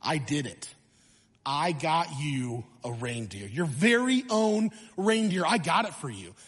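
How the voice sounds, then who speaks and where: A man playing a proud father, lowering his voice into a hushed, eager tone. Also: very animated, unhurried, slightly rough, big-room sound, exaggerated voice.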